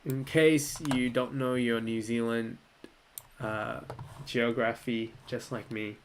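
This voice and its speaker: A young man from Malaysia, hosting a casual livestream Q&A at his desk, relaxed and chatty, often laughing and thinking aloud. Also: medium pitch, takes it slowly, a little hiss or hum. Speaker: livestream host answering viewer questions. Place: small room indoors.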